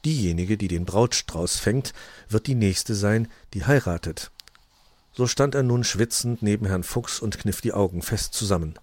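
A man narrating a German-language children's audiobook in a calm storytelling manner. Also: on the low side, moderate pace, no echo. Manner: calm storytelling, many voices.

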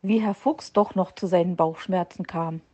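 A woman narrating a children's story in a lively, expressive scripted reading. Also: on the low side, normal speed.

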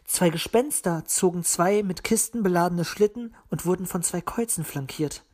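A woman narrating a children's story audiobook in a calm, measured reading. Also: fairly low pitch.

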